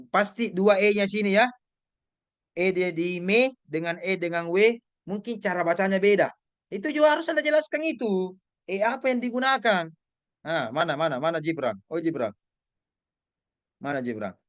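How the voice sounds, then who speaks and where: A man giving an informal class lecture, animated and teasing, questioning his students. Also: high voice, moderate pace, pauses often, no room sound.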